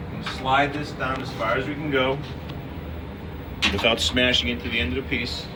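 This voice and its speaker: A machine shop instructor gives an informal, step-by-step hands-on demonstration. His mid-range voice has fairly even intonation and a moderate pace. The mic is distant, and the noisy hum of the machine shop fills the recording.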